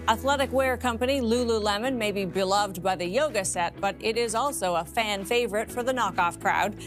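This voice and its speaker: Woman news anchor, mid-range voice, polished and conversational, music behind. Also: medium pitch. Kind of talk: broadcast news presenting.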